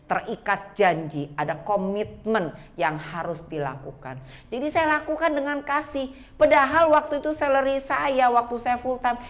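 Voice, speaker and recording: Woman preacher, 40s, lively testimony sermon, talks right to the congregation. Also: medium pitch. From Indonesia. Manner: lively, addresses the congregation directly. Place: church.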